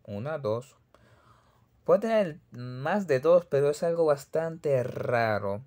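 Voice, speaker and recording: A man's voice: a little high, lively intonation, slow pace, a little mellow. A man with a Caribbean Spanish accent giving a pronunciation lesson, patiently repeating sample words one by one. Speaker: Russian language teacher.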